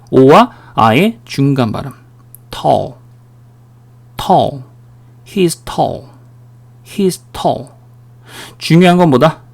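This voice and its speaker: A man giving a recorded English pronunciation lecture, drilling words and asking the listener questions as he goes. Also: fairly high pitch. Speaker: English teacher.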